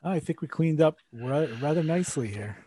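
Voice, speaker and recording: A man's voice: a little high, lively intonation, brisk, dark tone, slightly rough, dry recording. A man co-hosting a podcast in casual, joking banter, easygoing and fond of trading fan theories. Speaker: podcast co-host.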